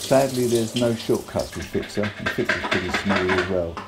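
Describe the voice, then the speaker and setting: A man's voice: on the low side, moderate pace, heavy background noise. A man giving a casual, practical how-to talk in his home kitchen, with some fillers. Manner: relaxed, plain and practical, with fillers. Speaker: photography hobbyist demonstrating. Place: home kitchen, indoors, at the sink. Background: running tap water and loud music.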